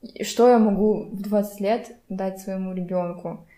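A young adult woman co-hosts a podcast in casual conversation, sometimes mixing English words into her speech. Her mid-range voice is warm and steady at a moderate pace, recorded in a roomy space in a home.

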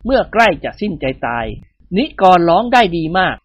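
A narrator reading a humorous novel aloud in a lively, expressive style, on a dull, dry recording. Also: medium pitch, moderate pace, breathy edge. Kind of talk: storybook reading.

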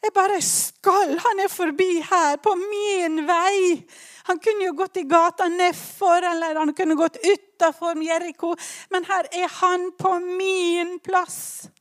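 A woman's voice: very high-pitched, steady tone, voice pushed up. A woman voicing a desperate blind male beggar in a retold Bible story, urgent and pleading.

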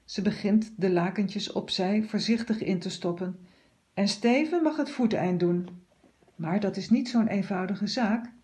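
Slow, mellow woman reading a story. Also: mid-range voice.

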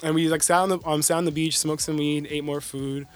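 A man casually telling a long personal story on a podcast, animated and slangy, peppered with 'like' and laughter. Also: a little high, fast. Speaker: podcast guest.

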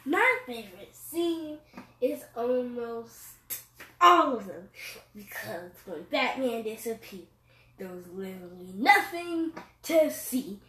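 A woman co-hosting a casual movie podcast, answering slowly with giggly deadpan replies. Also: on the high side, distant mic. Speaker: podcast co-host. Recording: echoey room, away from the mic.

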